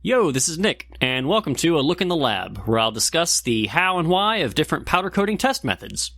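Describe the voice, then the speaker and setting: A man with a fairly high, bright voice and big pitch swings, speaking a little fast, presents a scripted instructional segment. He's a segment presenter and lab technician explaining things methodically, step by step. The studio-quality recording has no echo.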